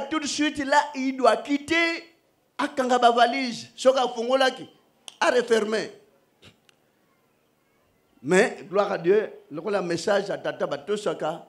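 Male preacher, high-pitched, forceful sermon delivery. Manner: emphatic, raising his voice to the congregation. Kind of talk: sermon mixing Lingala and French.

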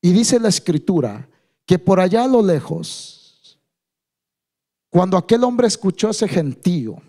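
A man preaching a sermon as pastor. He builds to loud, fervent climaxes and keeps calling the listeners brother. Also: high voice, sing-song, a little slow.

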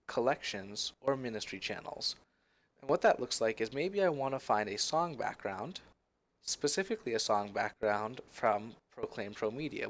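A young man with a lowish voice walks through a screen-recorded software tutorial, explaining each step in a friendly, conversational way.

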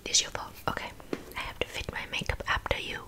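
A woman's voice: quick pace, lightly acted. Woman's whispered role-play of a bossy, accented makeup artist. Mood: blaming. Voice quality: breathy unvoiced whisper with wet mouth sounds. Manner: scolding, blunt, clipped phrasing. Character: bossy, blunt, insulting female makeup artist.

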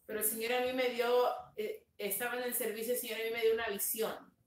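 A woman pastor speaking slowly and tenderly on a livestream, sharing a testimony and greeting viewers, sometimes slipping in English words. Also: a little high, little pitch movement, echoey room, far from the mic. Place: home room, dim. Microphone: phone on a live stream.

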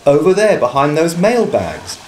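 A man's voice: a little high, very animated, moderate pace, darkish tone, a little hiss or hum, voice pushed up. A man voicing a cautious, doubtful middle-aged husband who speaks hesitantly and politely.

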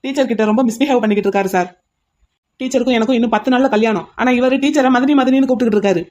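A woman doing a loud indignant young fiancé. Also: a little high, racing, natural voice.

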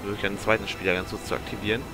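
A man's voice: fairly low pitch, flat delivery, racing, music in the background. A man giving casual gameplay commentary, muttering to himself and grumbling mildly as he plays. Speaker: let's player.

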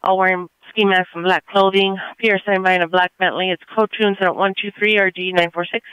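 A man's voice: high voice, flat delivery, fast, sharp tone, smooth, no room sound. A man working as a police dispatcher, reading out incident details procedurally over police radio. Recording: dull police scanner radio.

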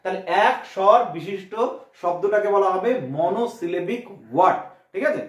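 A man's voice: high-pitched, normal speed, echoey room. A man with a Bengali accent teaching an exam-prep English lesson, explaining step by step and asking and answering his own questions. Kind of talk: online exam coaching lesson.

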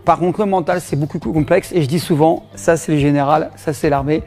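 A man's voice: a little high, steady tone, brisk, darkish tone, soft background music. A middle-aged man with a French accent teaching self-defense in a casual demonstration, joking and laughing often as he explains.

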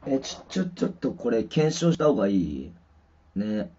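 A man's voice: on the low side, sing-song, moderate pace, dark tone. A man livestreaming from home, rambling casually with many fillers while checking his mic and guitar sound. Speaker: musician livestreaming. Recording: dull lo-fi stream audio with distortion.

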